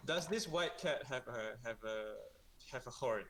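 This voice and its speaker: A man's voice: medium pitch, expressive, a little slow, background noise. A man playing a tabletop game, hesitant and restarting often as he plans his moves. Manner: hesitant, full of restarts while planning moves. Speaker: player. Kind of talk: tabletop role-play chat.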